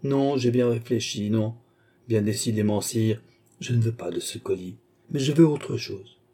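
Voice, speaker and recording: A man voicing a dignified young queen in an audiobook, earnest and firm in his measured reading. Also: lowish voice, mellow. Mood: resolute.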